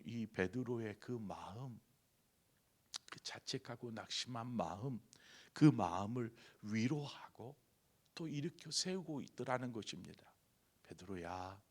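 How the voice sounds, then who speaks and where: Middle-aged male pastor, gravelly and low, preaching at dawn prayer service, storytelling with rising emphasis. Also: measured pace, a little mellow. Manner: storytelling, voicing quoted lines, rising to emphatic peaks. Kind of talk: early morning prayer sermon.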